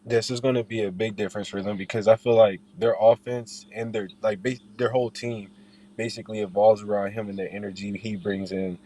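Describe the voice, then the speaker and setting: A man's voice: on the low side, little pitch movement, a little fast, mellow. A young man speaking as an interviewed basketball player, in an informal way, often repeating and rephrasing his points. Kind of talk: casual interview chat.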